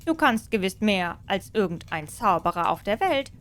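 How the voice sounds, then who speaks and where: A woman voicing a sly, clever male cat in boots in a storybook reading, by turns bold and flattering. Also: mid-range voice, moderate pace.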